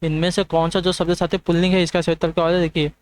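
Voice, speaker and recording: A man's voice: a little high, level tone, dry recording. A young man teaching an online exam prep class, stepping through quiz questions and checking in with students often. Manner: fast, repetitive checking-in with students.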